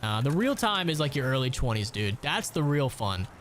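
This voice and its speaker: A man's voice: mid-range voice, sing-song, moderate pace, a bit bright, a little hiss or hum. A man in his late twenties from Ohio, chatting casually and profanely while gaming on a stream. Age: late 20s. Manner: rambling, profane storytelling.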